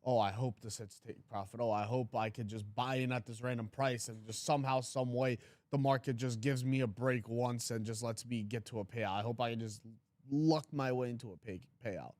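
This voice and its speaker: A man's voice: medium pitch, steady tone, normal speed, a little mellow, no echo. A man in his twenties hosting a trading livestream, talking casually and bluntly, teasing his chat and reading comments aloud. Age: 20s.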